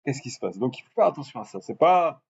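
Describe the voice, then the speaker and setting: A man giving an informal religious lesson to a live group, drawing out Hebrew words slowly to show their pronunciation and often asking his listeners whether they follow. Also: mid-range voice, very animated, vocal fry, a little mellow, breathy edge. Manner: asks listeners for confirmation often. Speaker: religious teacher addressing a class. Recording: muffled lo-fi recording with faint background noise.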